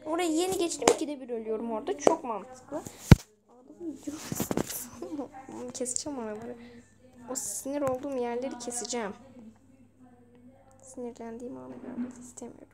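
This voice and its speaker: A young woman giving casual, exasperated gameplay commentary with bursts of shouting and swearing. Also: a little high, steady tone, normal speed, vocal fry, heavy background noise. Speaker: gaming video creator.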